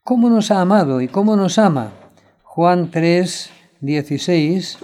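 Preacher, male, higher-pitched, mellow voice, reads scripture with rising intensity. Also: unhurried. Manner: reads scripture aloud, swelling louder on quoted cries. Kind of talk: sermon with scripture reading.

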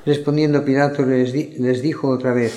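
A man preaching a sermon, reading Bible passages slowly and stressing the crowd's cries. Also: medium pitch, flat delivery, mellow. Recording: echoey room.

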